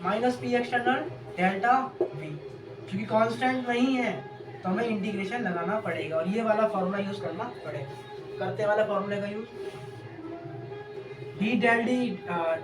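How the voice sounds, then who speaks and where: A woman chemistry teacher gives an exam-prep lecture in a mid-range voice at normal speed, asking questions, answering them herself, and repeating key terms. The recording is echoey, with a distant mic and background music.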